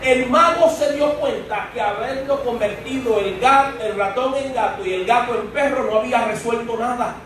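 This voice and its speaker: A man's voice: extremely high pitch, moderate pace, few pauses, a bit bright. A man preaching a sermon in a church, speaking emphatically and addressing the congregation directly. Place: church sanctuary. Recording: echoey church from far off, faint hiss.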